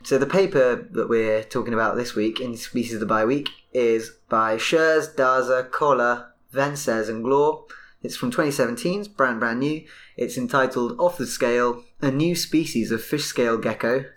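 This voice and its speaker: A man's voice: mid-range voice, moderate pace, fairly bright tone. Man explaining things on a podcast. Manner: explanatory, reads out paper details. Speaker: podcast co-host. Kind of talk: casual podcast chat.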